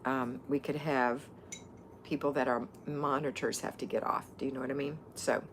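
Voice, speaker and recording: A woman's voice: very deep voice, fairly even intonation, moderate pace, a little hiss or hum. A woman hosting a live viewer Q&A, chatting casually and rambling with frequent ums and restarts. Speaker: livestream host answering viewer questions.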